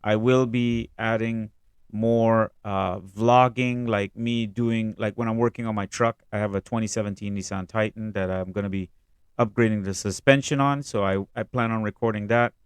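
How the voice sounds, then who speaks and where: A man hosting a reaction video, talking casually in a halting, rambling way. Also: fairly low pitch, steady tone, clear, resonant tone, dry recording. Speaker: video creator and host. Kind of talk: reaction video commentary, casual vlog talk.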